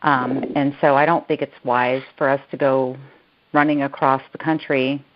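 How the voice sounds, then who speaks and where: Blunt low-voiced woman calling in. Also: level tone, moderate pace, lo-fi sound. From Florida. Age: 30s. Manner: blunt and outspoken. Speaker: caller. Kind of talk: casual conference call chat.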